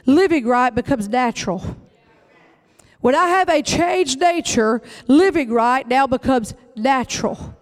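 Man preaching a fiery, folksy sermon in a very high voice. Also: expressive, unhurried. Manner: emphatic preaching, folksy Southern phrasing. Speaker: pastor.

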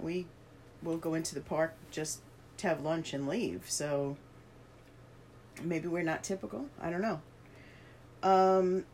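A woman's voice: on the low side, a little mellow, slight background noise. A woman co-hosting a podcast, reading an article aloud and adding her own casual remarks, with the hiccups. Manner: reads aloud and adds asides, with fillers. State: has the hiccups. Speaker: podcast co-host reading news.

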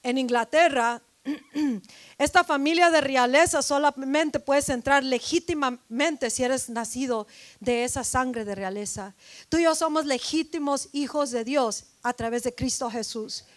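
High-voiced woman pastor preaching fervently. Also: measured pace, dry recording. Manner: impassioned preaching, rising to loud emphatic repetitions; switches briefly into English phrases. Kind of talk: sermon.

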